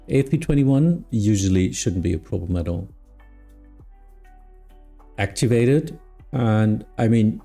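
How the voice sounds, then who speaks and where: A man streaming as an air traffic controller, mixing procedural clearances with casual chat. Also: medium pitch, warm tone.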